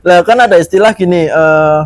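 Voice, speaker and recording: A man's voice: high-pitched, moderate pace, no echo. A man hosting a casual podcast interview, asking questions eagerly and agreeing often. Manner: eager, constant agreeing backchannels. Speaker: podcast host.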